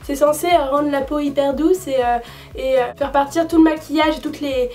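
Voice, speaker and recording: A young woman with a high, bright voice chats frankly through a beauty product review, filling pauses with hesitations. She sits a bit back from the microphone, and faint music plays underneath. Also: steady tone, recorded from a distance. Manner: chatty, frank, many fillers. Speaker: beauty vlogger.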